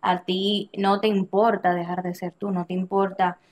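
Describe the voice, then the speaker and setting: An animated woman speaking as a podcast guest, recounting a personal experience in a relaxed, conversational way. She tends to act out the lines she quotes, and she often restarts her sentences mid-thought. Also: medium pitch, normal speed. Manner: animated, acts out quoted dialogue, frequent restarts and laughs. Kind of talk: personal storytelling in casual conversation.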